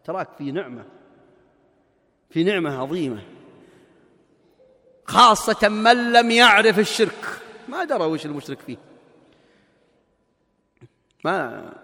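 A man's voice: high-pitched, big pitch swings, measured pace, long pauses, bright, forceful tone, big-room sound. A man preaching a conversational sermon, asking rhetorical questions and pressing his points with emphatic, colloquial asides.

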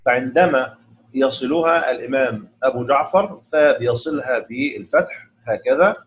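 A man with an Egyptian accent teaching the rules of Quran recitation. He explains in casual speech and slowly chants each verse to show the reading. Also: mid-range voice, a little hiss or hum. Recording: dull lo-fi recording.

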